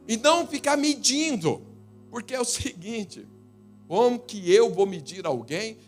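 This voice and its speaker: A man with a Brazilian Portuguese accent preaching a sermon, telling stories and swinging between loud emphatic lines and quiet asides. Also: high-pitched. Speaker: pastor. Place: church.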